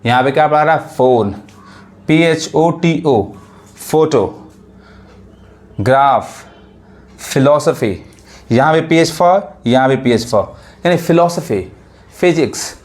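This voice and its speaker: A man teaching a pronunciation lesson to viewers, drawing words out slowly and asking if they follow. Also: a little high. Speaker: English teacher. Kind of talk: classroom lesson.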